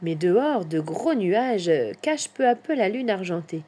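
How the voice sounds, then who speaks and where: A woman narrating a children's Christmas story in an expressive storyteller's manner. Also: medium pitch, measured pace. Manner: expressive, lilting.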